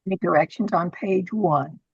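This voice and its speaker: Gravelly, husky woman chairing a formal meeting. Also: lowish voice, no room sound. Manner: halting, procedural. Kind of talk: formal public meeting proceedings. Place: video call. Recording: dull, lo-fi online meeting audio.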